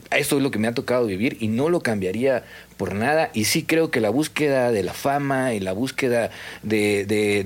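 A man with a Mexican accent giving his views as a singer-songwriter guest on a casual podcast, in emphatic, slangy speech. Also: medium pitch. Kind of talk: casual podcast interview talk.

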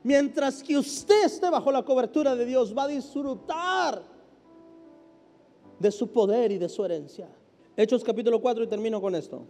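A man preaching a sermon as pastor, emphatic, swinging between loud and hushed. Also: very high-pitched, moderate pace. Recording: hall reverb with faint music.

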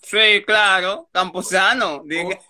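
A man telling a story fast in a casual chat, acting out the quoted lines. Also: sits high, steady tone, sharp tone.

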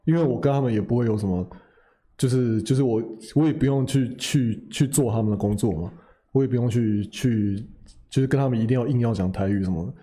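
A young man, telling a story in casual chat. His voice is very dark and mellow, and he rattles along quickly, restarting phrases and laughing at himself. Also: mid-range voice. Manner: rambling, self-correcting, laughs at himself. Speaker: podcast co-host.

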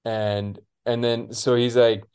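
A man's voice: mid-range voice, level tone, slow pace, a little mellow, clear, resonant tone. A man in casual podcast chat, rambling with many fillers and casual swearing.

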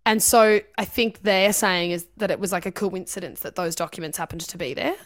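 A woman's voice: lowish voice, brisk. A woman co-hosting a podcast in casual chat, running her thoughts together with fillers. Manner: animated, run-on phrasing with fillers. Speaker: podcast co-host.

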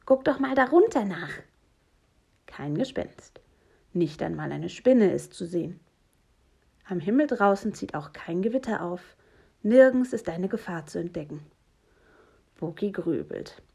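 A woman reading a children's bedtime story aloud, soft and gentle, often hushed. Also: lowish voice, lively intonation, measured pace, creaky, pauses often, breathy edge. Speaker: reader.

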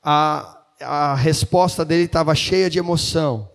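A man interprets a sermon live, following the preacher one phrase at a time. His voice sits slightly high, and he fills gaps with small hesitations and corrects himself mid-phrase as he translates. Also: a little slow.

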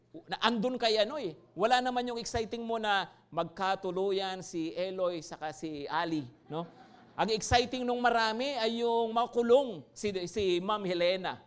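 A man's voice: extremely high pitch, a bit bright, clear, resonant tone. A Filipino man preaching a sermon as pastor, joking and calling out to the congregation. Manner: humorous, calls out to the congregation.

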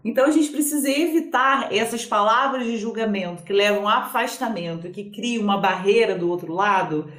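A woman speaking as a communication expert on a panel, calm and didactic, giving concrete examples. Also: mid-range voice, moderate pace, few pauses. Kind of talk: explanatory panel talk. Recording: roomy echo.

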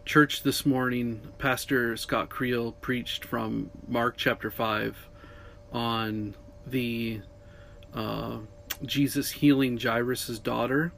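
Male podcast host, medium pitch, conversational and halting, recorded inside a small camper van. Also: gravelly, a bit bright, slight background noise. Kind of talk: casual religious podcast talk.

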